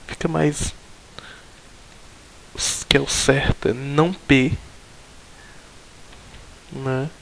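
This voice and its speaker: A Brazilian man at a middle pitch teaches logic in a recorded lesson. He explains step by step, restarting and filling his pauses often. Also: steady tone, gravelly, slight background noise. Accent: Brazilian Portuguese. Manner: hesitant, many fillers and restarts, explaining step by step.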